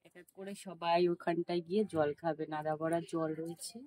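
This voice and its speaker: A woman chatting casually on a phone video from behind her house, talking to the animals and viewers and scolding them gently. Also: fairly even intonation, fairly quick. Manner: talks to the animals and viewers, scolds gently, lowers voice to avoid neighbours. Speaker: vlogger feeding monkeys. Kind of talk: casual home vlog commentary.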